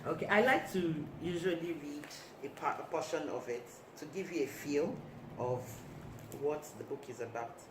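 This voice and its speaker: A woman author reading aloud from her own book of short stories in a measured, deliberate way. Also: low voice. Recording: echoey room, mic at a distance, noisy.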